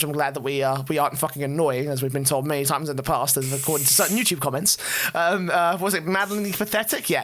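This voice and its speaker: Fast-talking young man, cursing podcast host. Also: fairly high pitch, bright, forceful tone. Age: 20s or 30s. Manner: swears casually, enthusiastic. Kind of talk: casual esports podcast chat.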